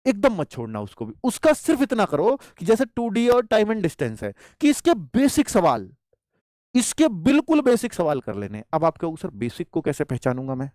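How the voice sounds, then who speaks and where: A man teaching as an exam coach, giving students animated advice and calling them "kids" and "brother". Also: high voice, moderate pace, no echo, studio quality. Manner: animated, addresses students as "bachhon" and "bhai". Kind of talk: motivational exam advice talk.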